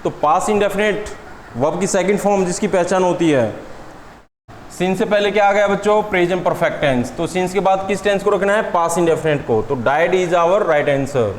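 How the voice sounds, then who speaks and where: A man teaches an exam-prep class. His voice sits high, and he answers his own rhetorical questions. The classroom recording echoes with a long tail, and a faint hiss sits underneath. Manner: asks students questions and answers them himself; stresses English words slowly and deliberately. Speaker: English teacher. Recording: echoey room with long reverb and faint noise.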